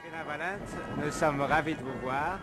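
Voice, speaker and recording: A man's voice: a little high, fairly quick, over music. A man presenting and interviewing in a wry, teasing, polished broadcast manner. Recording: 1950s broadcast recording with clear hiss.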